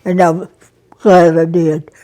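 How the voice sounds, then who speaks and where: A woman over a hundred, raised in Brazil, recalling her years as an army nurse in an interview, speaking softly and haltingly with many pauses. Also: fairly low pitch, little pitch movement. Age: over 100. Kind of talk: interview reminiscence.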